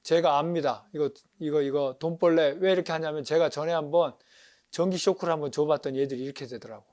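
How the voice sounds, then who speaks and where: Animated Korean monk lecturing, fairly high voice. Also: male voice, fast talker. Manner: animated, acts out crying animals, asks audience questions. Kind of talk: lively dharma lecture on paintings.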